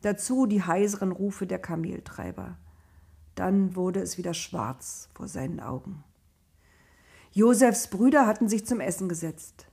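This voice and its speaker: A woman reads a children's Bible story aloud at a calm, even pace. Her voice has a husky, breathy grain, sitting in a middle pitch. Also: measured pace. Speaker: narrator. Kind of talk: storybook narration.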